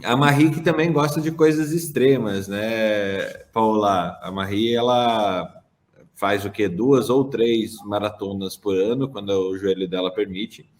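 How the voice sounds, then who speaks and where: A man's voice: on the low side, unhurried. A man hosting a podcast in a casual, chatty way, introducing guests and joking with them. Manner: chatty, lively, with laughs and restarts. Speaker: podcast host. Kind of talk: casual chat.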